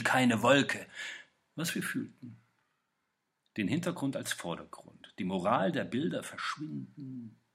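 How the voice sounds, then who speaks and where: A man giving a literary poetry reading in a slow, measured recitation with pauses. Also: fairly low pitch, vocal fry, husky. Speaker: reader.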